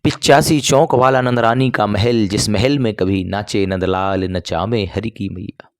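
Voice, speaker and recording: A man telling a devotional scripture story in a slow, emotive way. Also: lowish voice, steady tone, no echo, clean studio sound. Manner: slow, emotive, sung verse asides.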